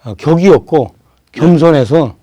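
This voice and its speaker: A man's voice: on the high side, animated, dark tone, no room sound. A man of about sixty, a guest on a political talk show, speaking emphatically and asking rhetorical questions. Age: around 60. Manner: emphatic, asks rhetorical questions, drawn-out pauses.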